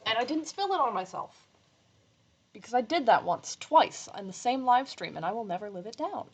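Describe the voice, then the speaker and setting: A woman streaming live while she sews, chatting casually in a rambling, self-deprecating way, with slight vocal fry when she talks low. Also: big pitch swings, normal speed, slight background noise. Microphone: desk microphone.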